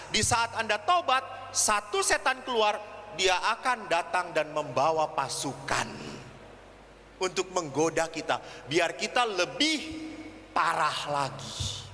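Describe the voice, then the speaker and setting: Man, priest, sermon, funny anecdotes, bright tone, echoing hall with faint noise. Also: very high-pitched. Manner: humorous anecdotal storytelling; acts out voices in the stories.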